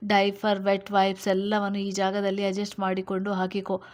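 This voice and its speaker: A resolute young woman takes charge and rattles off orders , as a woman narrator puts her on. Her delivery is firm and even, with little rise and fall. This is a Kannada-style audio story read aloud. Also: medium pitch, close to an everyday voice. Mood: instructing. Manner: firm, commanding, brisk instructions.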